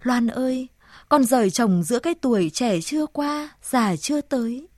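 A woman's voice: on the high side, animated, moderate pace, darkish tone, no echo, clean studio sound. A woman voicing a sorrowful old grandmother, murmuring tenderly to her dead daughter in a storybook reading. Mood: grieving. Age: older.

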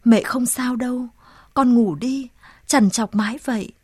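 A woman reading aloud and voicing a frail, dying mother who speaks in a weak, sighing hush. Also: a little high, unhurried, breathy edge, no echo, studio quality. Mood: tender.

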